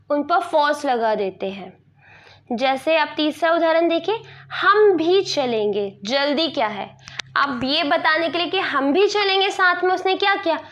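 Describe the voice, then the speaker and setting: A woman teaching a grammar lesson, explaining slowly and asking herself questions she then answers. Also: high-pitched, a bit bright, lo-fi sound.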